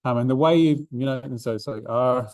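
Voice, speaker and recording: With a medium-pitched, slightly mellow voice at a moderate pace, an Australian maths tutor chats his way through a revision seminar lecture for a statistics class. The university classroom recording has no echo, and his talk is full of ums and restarts.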